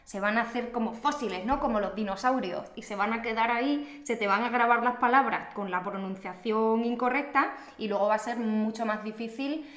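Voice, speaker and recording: A woman's voice: fairly high pitch, normal speed, few pauses, fairly bright tone. A young adult woman from Extremadura in Spain with an Extremaduran accent, a Spanish teacher talking in a chatty, playful and self-mocking way. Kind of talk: casual teaching video. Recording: echoey room.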